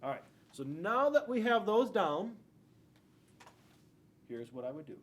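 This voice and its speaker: In a school classroom, a middle-aged school police officer reads aloud from a picture book to little kids, leaning on important words and adding side comments. He speaks in a high, sing-song voice at a measured pace, fairly bright in tone, over a faint hiss or hum.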